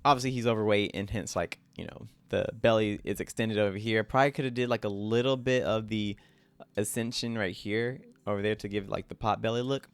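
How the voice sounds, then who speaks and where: A man's voice: lowish voice, steady tone, fairly quick, smooth, no room sound. A young man casually talking through his own drawings as host, rambling and self-critical, with lots of "like" fillers. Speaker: artist and channel host.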